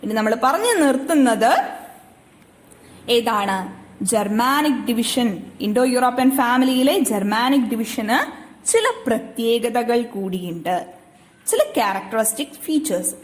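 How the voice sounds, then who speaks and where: A woman giving an online English lecture. She reads English lines slowly and then explains them. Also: on the high side. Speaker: English teacher.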